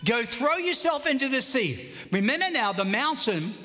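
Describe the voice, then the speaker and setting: A man preaching a sermon as a pastor, reading scripture with animated emphasis. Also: very high-pitched, normal speed. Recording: reverberant large hall.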